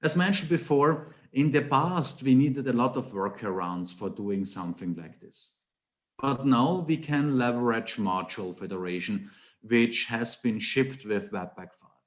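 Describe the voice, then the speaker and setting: This Angular trainer, a middle-aged man from Austria, has an Austrian German accent and an animated, medium-pitched voice that moves a little slowly. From a small home office, he delivers a technical conference talk via webcam, leaning on rhetorical questions and repeating points for emphasis.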